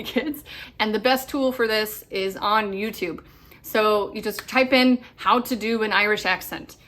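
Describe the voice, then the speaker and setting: Her voice sits on the high side and sounds a bit bright. A woman in her thirties who vlogs about homeschooling, she offers upbeat, chatty advice straight to camera in a casual way, often breaking into laughter.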